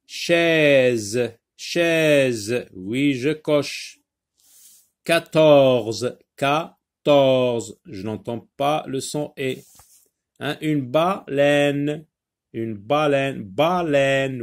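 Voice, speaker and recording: A man teaching a phonics lesson, spelling out letters and sounds slowly, with many filler pauses. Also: medium pitch.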